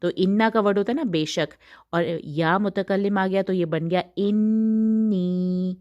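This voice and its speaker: A woman teaching Quran recitation rules, explaining patiently and stretching the recited words out slowly. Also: medium pitch, lo-fi sound.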